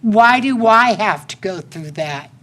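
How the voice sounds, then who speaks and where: A woman's voice: medium pitch, animated, unhurried, fairly bright tone. A woman in her sixties with a Central Texas accent, pleading plainly during public comment at a city council meeting, speaking into a podium microphone. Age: 60s.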